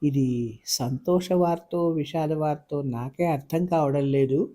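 Male reader voicing a hushed, hesitant middle-aged father in an audio novel, anxious and tender, mellow voice. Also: fairly high pitch, a little slow. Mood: hushed worried.

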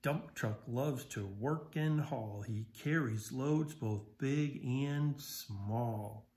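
His voice is medium in pitch with a darkish tone, and he reads extremely slowly. This middle-aged American man volunteers as a story reader, sitting on a sofa in a small living room and expressively reading a picture book while explaining it simply for young children.

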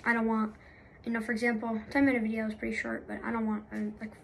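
A young woman chats off the cuff as a gaming YouTuber, rambling, restarting and apologizing as she goes. Her voice sits a little high, with a faint hiss of room noise behind her. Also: completely flat delivery, fast, creaky, a bit bright, poor audio. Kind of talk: unscripted casual commentary.

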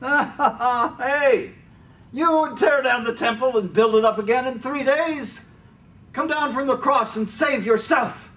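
A man's voice: extremely high pitch, measured pace, bright, forceful tone, pitched above the performer's own voice, exaggerated voice. A man voicing jeering male passersby who taunt a condemned man. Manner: taunting, laughing. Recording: distant mic, faint room noise.

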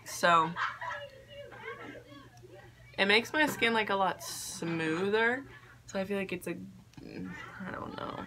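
A young woman vlogging casually, halting and unsure of herself, with a self-deprecating way of talking. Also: mid-range voice. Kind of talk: casual makeup vlog chat. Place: attic bedroom, indoors. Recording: faint background noise, room ambience.

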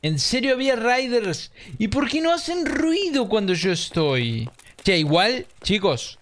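A man with an Argentine accent giving excitable live gameplay commentary, swearing and mixing in English slang. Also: high-pitched, a little slow. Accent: Argentine Spanish. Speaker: streamer.

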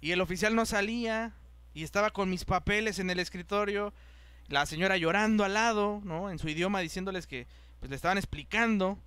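A man's voice: high voice, fairly quick, smooth, no room sound. A young man with a Mexican accent telling a travel story on a podcast. He talks in casual slang and acts out the people in it. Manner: animated, acts out the voices of people in his story, heavy slang. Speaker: podcast host.

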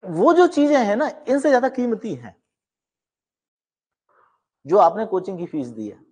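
A middle-aged man coaching law exam students with an earnest, emphatic motivational talk that swings between emphatic rises and quiet asides. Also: high voice, wildly swooping pitch, unhurried, breathy edge.

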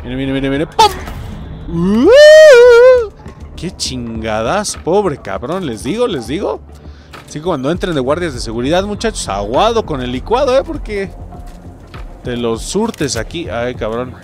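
Excitable young man, mexican spanish accent, lively swooping voice, faint game music behind. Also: a little high, unhurried. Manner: excitable, swears a lot, jumps to yelps and shouts. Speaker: gaming channel host. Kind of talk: casual gameplay commentary.

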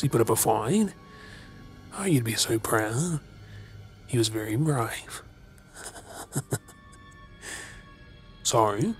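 Creepy male stalker played by a man for ASMR role-play: obsessive, menacingly tender, very slow delivery, music underneath. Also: lowish voice. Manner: creepy, slow, hesitant pauses with mocking softness.

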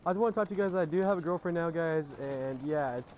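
A young adult gaming YouTuber chats casually over gameplay, rambling, repeating himself and using slangy, sweary language. His voice is fairly high and quick. The recording is noisy, with crowd noise and video game gunfire and ambience behind him.

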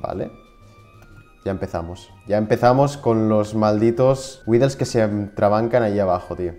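A young man with a Spain Spanish accent giving casual, excitable commentary while playing a video game, now and then shouting at it in frustration. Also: fairly low pitch, moderate pace, soft background music. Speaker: gaming YouTuber.

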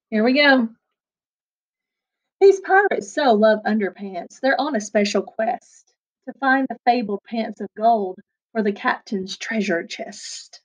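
A second-grade teacher in her forties reads a picture book aloud from a small attic room at home, breaking off for playful, chatty asides to the children. Her mid-range voice comes through a desk webcam and the recording sounds muffled.

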